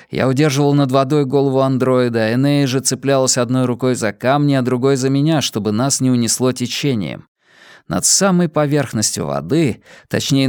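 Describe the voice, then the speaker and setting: A man narrates an audiobook in a steady, measured reading voice. His pitch sits in the middle range. The recording is dry and close, with no room echo.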